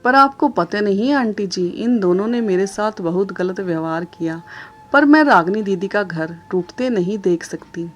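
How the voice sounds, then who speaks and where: A woman's voice: mid-range voice, animated, normal speed, natural voice. A woman voicing a respectful but aggrieved young married woman who speaks in an earnest, pleading way in a storybook.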